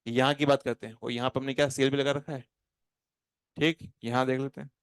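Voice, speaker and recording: A man teaching chemistry to a class. He talks in an animated, playful way and slows right down when he dictates notes. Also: mid-range voice, smooth, no room sound. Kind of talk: classroom lecture. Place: classroom with students.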